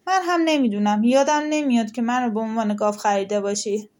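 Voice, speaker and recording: A woman's voice: fairly high pitch, a little mellow, natural voice. A sly, poor peasant man from a folktale, read by a woman. He speaks earnestly, with a slightly raised voice. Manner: earnest, feigning confusion. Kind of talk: audiobook folktale reading.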